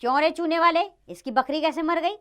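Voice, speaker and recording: Woman doing a bossy foolish king, barking orders, lively high voice, storybook play. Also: moderate pace. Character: foolish blustering king of a lawless city.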